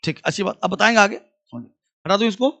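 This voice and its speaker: Brief: male classroom teacher, high-pitched, drills and dictates slowly. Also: bright, forceful tone. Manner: repeats phrases slowly for dictation; questions the class and answers himself. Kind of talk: classroom grammar lesson.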